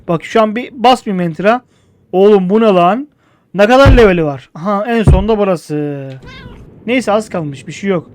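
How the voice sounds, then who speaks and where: An excitable young man commentates his gameplay with a fairly high voice, joking and shouting at the screen. A faint hum sits under the recording. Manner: excitable, jokey, yells at the game. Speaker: gameplay streamer.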